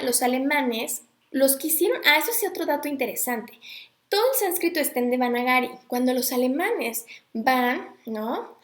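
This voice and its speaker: Chatty woman, higher voice. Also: reverberant. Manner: chatty, digressive, greets viewers mid-talk. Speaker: host. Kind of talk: casual live talk on Sanskrit recitation.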